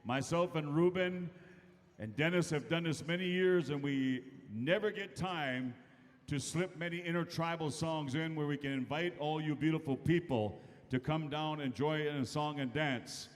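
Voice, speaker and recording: A man's voice: fairly high pitch, normal speed. A man working as a powwow emcee, announcing live over a public address system to a large arena. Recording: echoey arena PA, long reverb, loud music.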